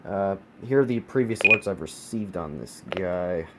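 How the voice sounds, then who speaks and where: A US weather radio collector gives an emphatic, casual review, leaning on repeated words. His low-pitched voice is expressive and moves at a normal pace. The clip is a noisy home phone-camera recording made handheld in a carpeted room, with him off screen.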